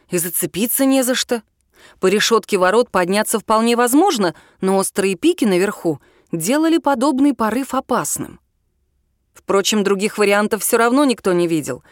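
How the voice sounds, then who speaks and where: A woman narrating a horror story in an expressive storytelling manner. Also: mid-range voice, no room sound, clean studio sound.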